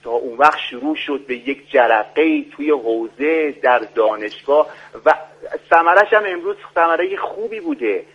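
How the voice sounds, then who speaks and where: A man calling in by phone as a guest expert on a radio show, speaking formally in a lecturing way with many pauses. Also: fairly high pitch, expressive. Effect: voice heard over a phone line on the radio. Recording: dull lo-fi phone line.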